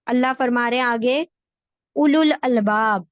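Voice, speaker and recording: Teaching a word-by-word translation of scripture, a woman with a fairly high voice goes slowly and patiently, repeating each word and its meaning for drilling. The recording is dry and lo-fi.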